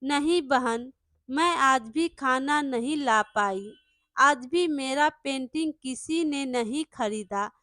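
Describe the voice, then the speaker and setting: A woman's voice: high-pitched, slow, sharp tone, no echo, studio quality, full character voice. A woman doing a caring elder sister. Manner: caring, reassuring, pleading.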